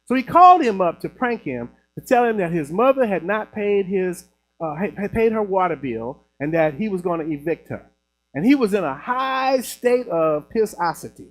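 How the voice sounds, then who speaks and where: High-voiced man preaching casually. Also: low-quality recording. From Chicago, USA. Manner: animated, conversational preaching with laughs. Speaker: minister. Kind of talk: sermon. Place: church building.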